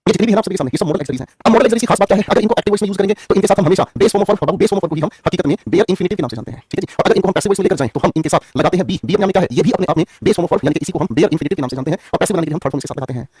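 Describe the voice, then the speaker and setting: Rapid, husky-voiced joking grammar teacher. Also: male voice, high voice, animated, a little mellow, no room sound, clean studio sound. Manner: playful and joking, teases students by name; repeats questions and answers them himself. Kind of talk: online English grammar lesson.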